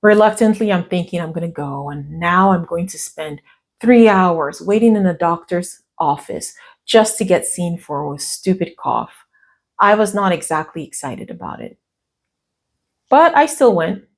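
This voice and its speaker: A middle-aged American woman casually vlogs, reading a story from her notes in a chatty way and adding asides that quote others. Her voice is fairly low, with lively intonation and a measured pace, and still sounds worn as she recovers from a cough and lost voice.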